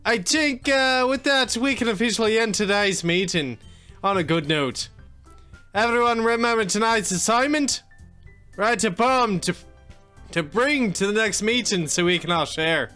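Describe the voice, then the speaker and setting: A man voicing a sweet, encouraging teenage schoolgirl club president in a visual novel, gentle and polite. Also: high-pitched, expressive, measured pace, clean tone, faint music behind, full character voice.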